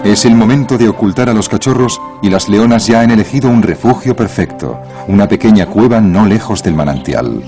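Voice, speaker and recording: Nature documentary narrator: man, lower register, music behind. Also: animated, fairly quick. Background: music bed.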